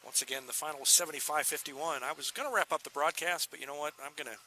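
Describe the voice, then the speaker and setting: A man calling a high school basketball broadcast, reading out scores and records in a conversational way while he looks things up. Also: quick pace, bright, forceful tone, a little hiss or hum. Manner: conversational, thinking aloud while checking records. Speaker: play-by-play broadcaster. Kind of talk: sports broadcast wrap-up.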